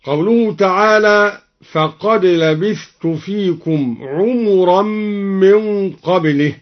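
A man teaching Quran recitation, explaining each reading and then chanting the verse slowly and drawn out. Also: sits high. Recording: dull lo-fi recording.

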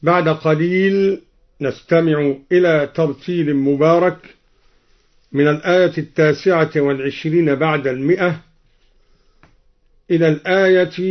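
Man, high voice, teaching Quranic readings, slow melodic recitation between explanations, muffled lo-fi sound.

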